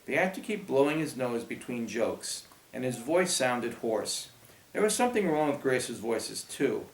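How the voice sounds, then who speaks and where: Brief: male narrator, mid pitch, gravelly, reading in an echoey room. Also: measured pace. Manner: steady storytelling. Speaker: audiobook narrator. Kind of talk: scripted narration. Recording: roomy echo.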